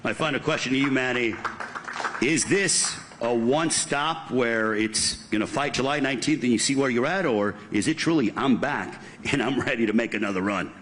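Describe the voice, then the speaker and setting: Bright, punchy male fight-promoter announcer. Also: mid-range voice, moderate pace. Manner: polished, punchy announcer delivery with emphatic names and titles. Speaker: press conference host and fight announcer. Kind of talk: fight promoter hosting a boxing press conference.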